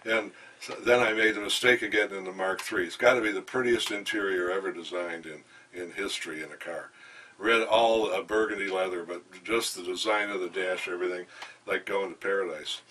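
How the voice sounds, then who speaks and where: A man's voice: deep voice, fairly even intonation, brisk, bright, forceful tone. An older man being interviewed, telling rambling anecdotes with enthusiasm and plenty of fillers, in a hotel room. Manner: enthusiastic, meandering, many fillers. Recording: distant mic, faint background noise.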